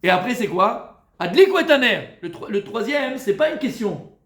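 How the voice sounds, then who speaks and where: A man, a rabbi, giving an informal Talmud lesson to a live group, familiar and teasing with his listeners, moving between loud urging and soft coaxing. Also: sits high, lively intonation, moderate pace. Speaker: rabbi teaching a Torah class. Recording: echoey room.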